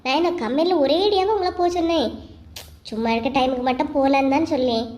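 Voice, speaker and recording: A woman's voice: high voice, fast talker, pitched below the performer's own voice, close to an everyday voice. A woman with a Kanyakumari accent voicing an exasperated young wife in a cartoon. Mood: pleading. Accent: Kanyakumari Tamil. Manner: pleading then sharp, scolding.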